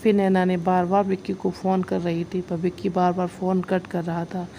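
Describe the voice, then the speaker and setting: A woman narrating a story aloud with a plain, steady reading and small slips. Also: lowish voice, normal speed, vocal fry, slight background noise.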